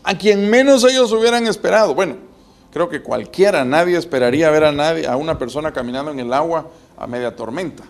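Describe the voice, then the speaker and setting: A man's voice: a little high, animated, brisk. A man preaching a sermon as pastor, building emphasis with rhetorical questions.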